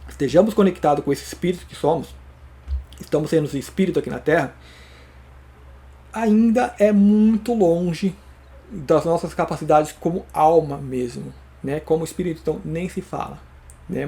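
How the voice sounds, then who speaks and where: Guy musing on spiritual stuff, rambling and reflective, voice sits a bit high. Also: creaky, warm tone. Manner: meandering, thinks aloud, frequent tag questions. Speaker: spiritual speaker answering viewer questions. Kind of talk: reflective spoken monologue.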